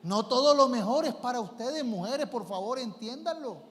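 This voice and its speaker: A man's voice: extremely high pitch, expressive, normal speed, fairly bright tone. A male pastor preaching a sermon emphatically, with rhetorical questions and acted-out quotes. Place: church sanctuary. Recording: long church reverb.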